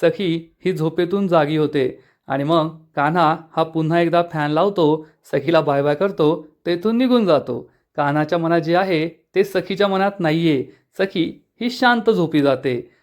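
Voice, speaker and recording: A man narrating a TV serial episode recap in a lively storytelling manner. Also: fairly high pitch, moderate pace. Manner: lively storytelling, acting out quotes.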